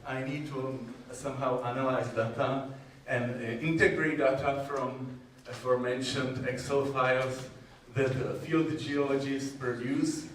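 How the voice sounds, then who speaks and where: A man with a Czech accent presents technical material at a conference, heard from a distance in a very echoey room. He talks slowly and hesitantly at a medium pitch, breaking his phrases with many pauses. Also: steady tone. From Czech Republic. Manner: hesitant, halting delivery with frequent long pauses. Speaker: conference presenter, university groundwater modeler. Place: indoor presentation room with strong echo. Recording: echoey hall, distant mic, faint noise.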